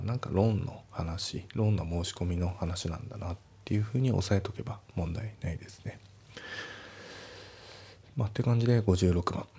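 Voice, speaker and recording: A man explains English sentences in an easygoing, step-by-step way, reading each example slowly before breaking it down. His voice is deep and dark, with a gravelly, husky texture. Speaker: English teacher. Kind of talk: casual spoken lesson.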